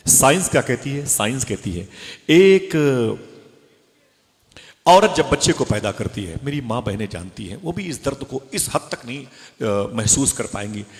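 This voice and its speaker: A man preaching an emotional religious sermon to a gathering, telling a story with impassioned swings from high cries to hushed tones. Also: big pitch swings, unhurried. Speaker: Islamic preacher. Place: religious gathering before a live audience. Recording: long hall reverb from a big venue.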